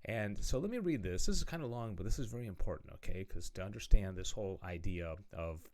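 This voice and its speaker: A man's voice: fairly low pitch, lively intonation, quick pace, a little mellow. A man giving a conversational video lecture on theology, often checking in with "okay?" and "right?" as he explains passages he reads aloud. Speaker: religious studies teacher.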